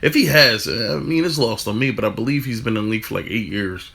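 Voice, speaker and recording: A man talking fast in a casual football rant, stumbling over restarts and swearing casually. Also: lowish voice, vocal fry, bright, forceful tone. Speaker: football fan commentator.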